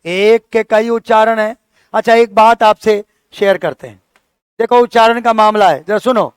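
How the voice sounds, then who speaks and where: A man's voice: high voice, moderate pace, smooth, dry recording. A male teacher giving a classroom lecture, explaining things step by step and asking his students questions as he goes.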